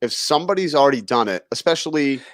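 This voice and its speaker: Man, podcast co-host, casual, relaxed, average pitch, dry sound. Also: fast talker, dry recording. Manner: relaxed, says dude a lot.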